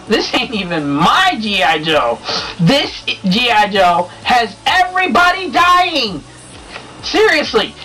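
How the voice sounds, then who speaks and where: A man hosting his own review show in a casual vlog style, excitable and chatty, laughing often as he talks. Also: very high-pitched. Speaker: show host reviewing comics and movies. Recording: distant mic with faint background noise.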